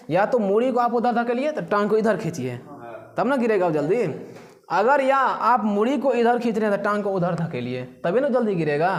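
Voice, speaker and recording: A man teaching a physics class, who keeps asking the students questions and then answers them himself. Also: high voice.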